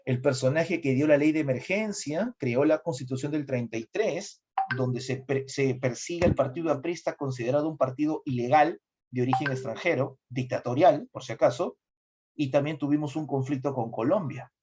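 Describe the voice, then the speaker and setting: A middle-aged man with a Peruvian accent lectures on history with lively energy, pausing to quiz his students. His voice sits in a middle register. The recording is a little dull and lo-fi. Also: medium pitch, background noise. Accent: Peruvian Spanish. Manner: asks students questions, animated. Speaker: history teacher.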